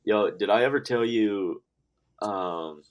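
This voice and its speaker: A young man chats easily on a conversation podcast, his speech full of fillers. His voice is very deep, and he keeps the talk relaxed. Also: slow pace. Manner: laid-back, lots of filler words. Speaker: podcast co-host. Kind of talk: casual chat.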